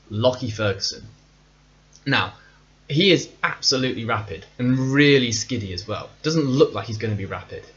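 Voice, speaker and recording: A man's voice: medium pitch, a bit bright, highs cut off. A man hosting a casual solo cricket podcast, talking in a chatty, playful, self-mocking way. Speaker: podcast host.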